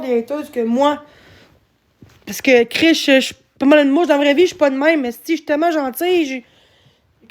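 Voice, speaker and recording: A woman with a Québécois French accent, talking live to her chat, swearing constantly, repeating herself and bursting into shouts. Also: sits high. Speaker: livestreamer answering her chat. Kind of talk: live-stream rant.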